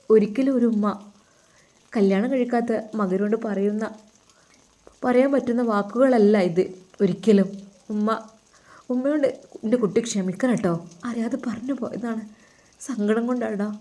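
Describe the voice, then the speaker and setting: An older widowed mother pleads tenderly with her son, her words heavy with grief, as a woman reads her part. She speaks with a Malabar Malayalam accent in a mellow, dark-toned voice at a middle pitch. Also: natural voice. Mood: apologetic.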